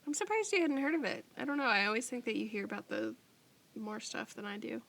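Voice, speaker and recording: A woman co-hosting a podcast in casual chat, animated and swearing casually. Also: a little high, fast talker, gravelly. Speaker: podcast co-host.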